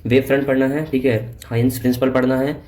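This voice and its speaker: A man giving a casual Hinglish physics revision lecture. He keeps checking in with his students and reads textbook lines out slowly. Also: mid-range voice, level tone, darkish tone. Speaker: NEET physics teacher. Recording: echoey room with faint ambient noise.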